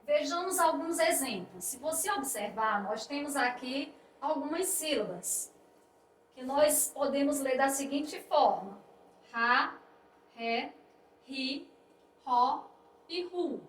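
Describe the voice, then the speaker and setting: A woman teacher explaining spelling rules slowly and patiently, restating each point. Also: sits high. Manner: slow, explanatory, repeats points with "isto é". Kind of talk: spelling lesson. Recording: echoey room, voice a bit distant, faint noise.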